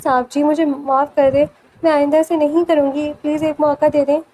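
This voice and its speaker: A woman's voice: high-pitched, level tone, darkish tone, slight background noise, close to an everyday voice, rough recording. A woman reading the part of a frightened maid who pleads through tears in a storybook romance. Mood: pleading. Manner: pleading, tearful. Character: frightened pleading female servant.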